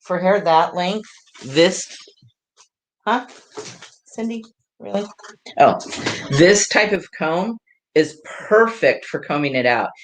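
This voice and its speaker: A woman hairdresser giving a live hair tutorial, chatting and laughing with viewers in a rambling way. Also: extremely low pitch. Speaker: hairdresser and salon owner.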